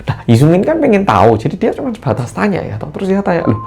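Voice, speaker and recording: Man, storytelling, dramatic pauses, gravelly, lively pitch. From Korea. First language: Korean. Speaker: channel host. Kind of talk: spooky storytelling.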